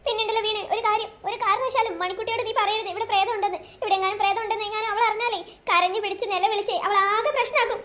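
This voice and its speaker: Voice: extremely high pitch, fairly even intonation, racing, few pauses, pushed and bright. A performer voicing a frightened young woman in a cartoon ghost story, pleading and wailing dramatically. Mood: fretful.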